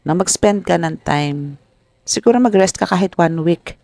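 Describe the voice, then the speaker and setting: Gravelly-voiced man giving a tarot reading. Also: sits high, moderate pace, darkish tone, no echo, clean studio sound. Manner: polite, addresses viewers with respectful terms; mixes English phrases into speech. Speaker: tarot reader. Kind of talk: tarot reading talk to viewers.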